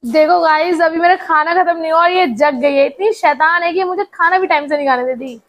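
High-voiced chatty mother vlogging. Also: fairly quick, soft background music. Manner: chatty, addresses viewers as guys. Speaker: vlog host, mother. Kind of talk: casual family vlog narration.

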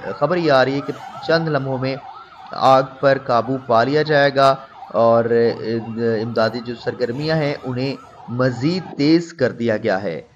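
A man's voice: mid-range voice, a little slow, highs cut off, slight background noise. A man from Pakistan reading a news report as a voice-over, in formal wording with many hesitations and restarts.

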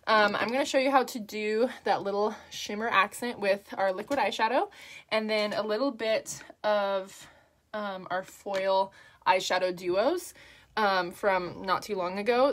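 A woman talking through a makeup tutorial in a chatty, upbeat way, with lots of fillers as she works. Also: mid-range voice. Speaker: makeup artist.

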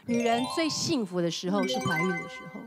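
Fast-talking woman telling an animated story. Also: mid-range voice. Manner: animated storyteller who acts out quoted dialogue; mixes English words into her speech. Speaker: talk show guest. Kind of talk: casual chat, personal storytelling. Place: TV studio. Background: background music.

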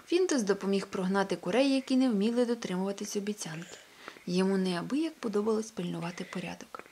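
A woman narrating a children's audiobook, with a hushed, breathy delivery. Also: mid-range voice, fast, a little hiss or hum. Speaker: storyteller.

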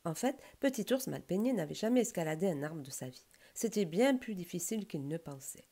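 A woman reading a children's bedtime story aloud in a gentle, expressive way. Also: fairly low pitch, a little fast.

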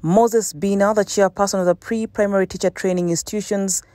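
Ugandan newswoman voice-over, mellow and dry, formal measured read. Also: medium pitch, steady tone, no room sound. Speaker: news reporter. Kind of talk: scripted news narration. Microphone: studio voice-over.

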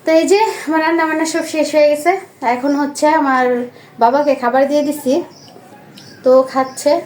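A woman's voice: sits high, fairly even intonation, fairly quick, darkish tone, slight background noise, poor audio. A woman, chatting casually to viewers in a home cooking vlog. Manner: chatty, addresses viewers directly. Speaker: cooking vlogger. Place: home kitchen.

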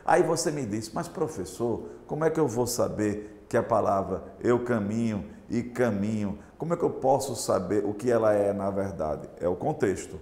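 A male teacher with a Brazilian Portuguese accent gives a recorded lesson, slow and emphatic, repeating key points and speaking straight to his students. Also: fairly low pitch, warm tone. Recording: echoey room with long reverb.

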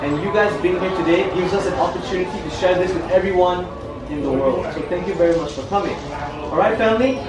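Loud music and poor audio surround this fast-talking, high-voiced young man from Malaysia in his twenties. Working as a tour guide at an outdoor cultural park with food trucks, he gives a joking, playful tour talk and calls his group "family," filmed by a camera a few steps away.

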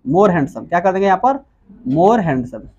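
A man teaching English grammar in a classroom-style lecture, who keeps asking questions and answering them himself and repeats key words slowly. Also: sits high, very animated, a little mellow, breathy edge, muffled recording.

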